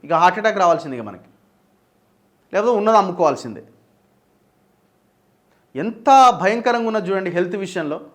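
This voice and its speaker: A man with a Telangana Telugu accent delivers news commentary with a raised, fairly high voice. He sounds urgent and critical, piling up lists of items and pressing sharp questions as a journalist hosting his own channel. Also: animated, a little fast, pauses often.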